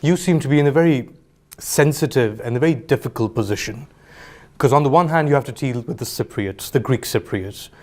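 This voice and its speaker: A man's voice: medium pitch, fairly quick, a little mellow. A man asking probing questions as a news interviewer, in a direct, pressing way.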